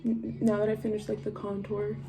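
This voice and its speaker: A young adult woman vlogs while getting ready, talking to camera in a loose, stoned, rambling way with casual swearing. Her mid-range voice is monotone and fairly quick, with vocal fry, and music plays behind her.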